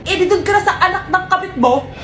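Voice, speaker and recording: A woman voicing excitable, melodramatic characters in comedy skits about family squabbles. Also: extremely high pitch, fast. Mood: bickering. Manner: melodramatic, exclaiming. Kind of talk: exaggerated comedy skit dubbing. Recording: echoey, music behind the voice.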